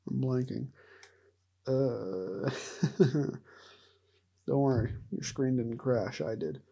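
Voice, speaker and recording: A man's voice: medium pitch, extremely slow, gravelly, warm tone, breathy edge, dull audio. A man giving casual, rambling commentary as he ranks cartoon characters, laughing often and trailing off mid-thought. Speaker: vlogger ranking show characters.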